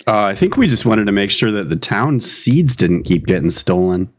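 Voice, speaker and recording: A man playing a tabletop game who jokes casually with the table. His voice sits a little low. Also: sing-song, normal speed. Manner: joking. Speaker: player.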